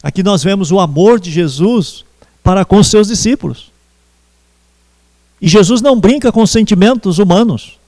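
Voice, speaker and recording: A man preaching a sermon as pastor, slow and measured with pauses. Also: high-pitched, mellow, big-room sound. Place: church.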